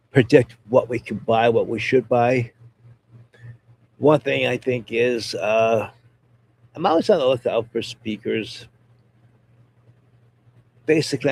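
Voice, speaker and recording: DJ host, male, stuffy head cold, rambling friendly gear talk, mid-pitched voice. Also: gravelly, slight background noise. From Pennsylvania. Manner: rambling, repeats words, friendly. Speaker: DJ and channel host; talking gear with viewers. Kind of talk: casual livestream chat.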